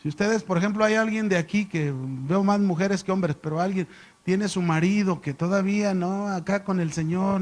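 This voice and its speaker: A man teaching a Bible class, chatty and animated. He keeps quizzing his listeners with rhetorical questions and joking with them. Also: sits high. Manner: animated storyteller, jokes with listeners. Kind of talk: conversational Bible lesson to a class. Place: church classroom with a live audience.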